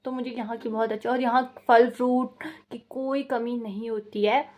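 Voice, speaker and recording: A woman's voice: on the high side, fairly even intonation, normal speed, darkish tone. A young woman from Uttarakhand chatting casually in a vlog, reading out viewer questions and answering them in a rambling, repetitive way. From Uttarakhand, India. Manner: chatty and rambling, repeats herself, laughs at the questions. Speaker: vlogger.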